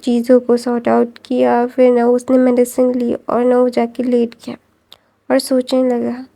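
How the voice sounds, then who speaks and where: Woman storyteller, hoarse, rambling casual retelling, fairly high voice, flat delivery. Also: measured pace. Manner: rambling, with many fillers and restarts.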